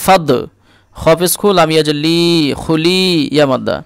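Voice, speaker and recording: A man teaching Quran reading step by step, spelling out letters and vowel marks, then chanting the words slowly and checking in often with his learner. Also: on the high side, lively intonation, creaky, clear, resonant tone, no echo, studio quality. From India. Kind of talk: step-by-step recitation lesson.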